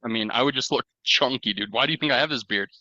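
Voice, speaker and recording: A man's voice: medium pitch, fast, bright, forceful tone, dry recording, muffled recording. A man co-hosting a podcast in casual, joking chat, teasing himself. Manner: joking, self-mocking. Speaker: podcast co-host.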